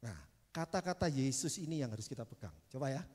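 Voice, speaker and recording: A man's voice: mid-range voice, animated, quick pace, darkish tone. An older man preaching a conversational sermon in a church, constantly throwing rhetorical questions at the congregation. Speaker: guest preacher. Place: church service. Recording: reverberant church hall.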